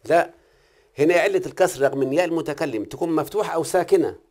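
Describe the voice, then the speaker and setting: A man with an Egyptian Arabic accent teaches recitation and grammar one-on-one, often pausing to ask if his student understands. His voice is slightly high, very fast and a little mellow, and his manner is questioning.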